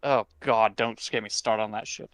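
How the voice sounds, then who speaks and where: A man chatting casually with a friend on a stream, rambling and animated, swearing now and then. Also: on the low side, normal speed, dry recording. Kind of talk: casual chat.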